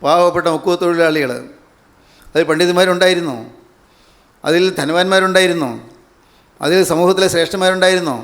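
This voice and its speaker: A man's voice: high-pitched, fairly bright tone. An older man preaching a sermon with a Malayali accent, in a fervent, repetitive cadence full of hallelujahs.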